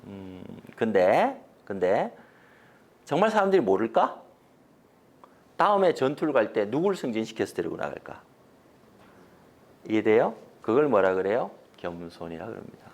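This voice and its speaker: Animated male lecturer, lively pitch. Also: moderate pace, pauses often. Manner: animated storytelling, swings from loud to soft, acts out quotes; mixes polite and blunt casual speech, asks the audience questions. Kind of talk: corporate training lecture.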